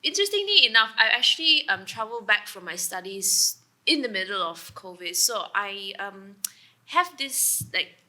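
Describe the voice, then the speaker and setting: Bright young Malaysian woman from Sabah. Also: medium pitch, big pitch swings, moderate pace. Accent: Malaysian English. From Sabah, East Malaysia. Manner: chatty, with fillers like "like" and "um". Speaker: guest co-host. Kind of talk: casual chat.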